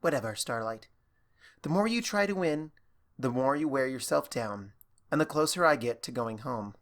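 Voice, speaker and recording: A man reading a fan fiction audiobook, voicing a calm, teasing young female princess pony with a casual, slightly ceremonious manner. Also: medium pitch, normal speed. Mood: smug.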